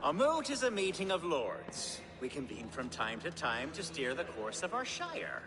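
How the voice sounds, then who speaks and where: An actor playing an English lord in a video game, explaining a custom. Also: male voice, on the high side, wildly swooping pitch, moderate pace, in a large hall.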